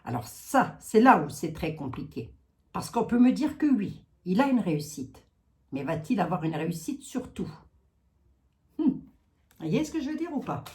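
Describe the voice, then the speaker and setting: A woman's voice: medium pitch, sing-song, normal speed, warm tone. A French-speaking woman doing a card reading, chatting casually with her viewers and filling her talk with asides. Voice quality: chatty, talks to viewers, many asides and "hein". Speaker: card reader.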